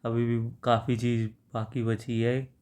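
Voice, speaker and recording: A bossy young hero snaps crude orders at a beaten rival, read out by a man. His voice stays flat and steady, and the pitch sits in an ordinary middle register. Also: a little slow, close to an everyday voice. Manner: crude, bullying commands. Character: bossy young male hero, menacing and sarcastic.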